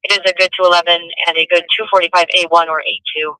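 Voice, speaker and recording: A man dispatching over a police radio scanner, reading out an alert in a steady, clipped way. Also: high voice, quick pace, clean tone, no echo, poor audio.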